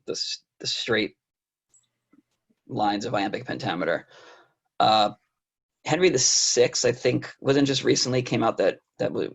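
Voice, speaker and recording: A man hosts an interview and asks questions tentatively, rephrasing as he goes. His voice is gravelly and husky. The recording sounds dull and lo-fi. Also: mid-range voice. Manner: hesitant, trails off and rephrases questions. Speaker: interview host. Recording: dull lo-fi audio.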